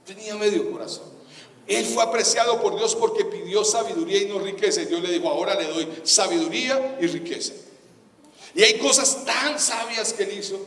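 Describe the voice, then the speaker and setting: A man's voice: high voice, a little fast, a bit bright. A male pastor preaching a sermon, telling stories with acted-out dialogue and humorous asides. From Colombia. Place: large church auditorium. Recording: echoey church hall, voice from a distance.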